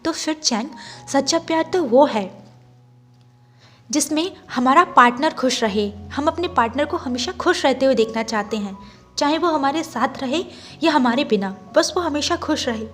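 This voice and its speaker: A woman voicing a middle-aged mother, commanding at times and gently consoling. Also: high voice, animated, normal speed, soft background music. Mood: tender. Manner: commanding, then soft and consoling. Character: stern but loving middle-aged mother.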